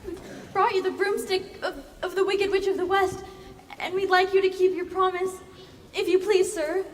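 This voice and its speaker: A woman's voice: very high voice, fairly even intonation, normal speed. Woman playing an earnest young girl on stage. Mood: pleading. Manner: earnest, pleading. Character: earnest young girl, frightened but brave. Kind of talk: stage play acting. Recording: echoey hall from far off, music.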